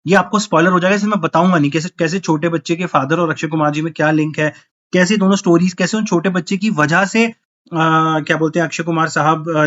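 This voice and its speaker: A man's voice: on the high side, muffled recording. A man giving a casual spoken film review, frustrated and ranting, dropping English phrases into his talk.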